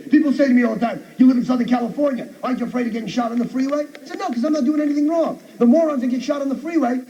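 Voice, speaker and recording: Fast, ranting stand-up comedian, very high voice. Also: male voice, warm tone, highs cut off. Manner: abrasive, ranting, sarcastic. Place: comedy show stage at a university. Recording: distant noisy live radio recording.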